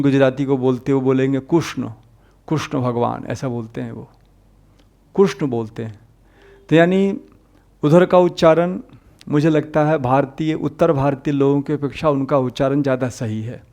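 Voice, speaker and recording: Explaining with patience, this man leads an exam-prep Hindi grammar lecture and repeats the sounds aloud. His darkish voice climbs on important points and falls low at the close of phrases.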